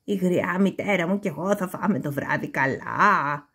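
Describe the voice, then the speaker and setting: A woman's voice: on the low side, a bit bright, slightly rough. A woman voicing a greedy fox who gloats over a caught hen. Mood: gloating.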